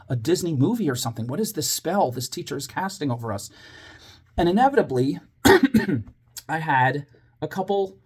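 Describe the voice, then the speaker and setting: A man's voice: mid-range voice, darkish tone, husky. A man telling a story from his years as a teacher, dramatizing it with whispers and quoted voices. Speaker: former teacher, channel host. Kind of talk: personal storytelling monologue.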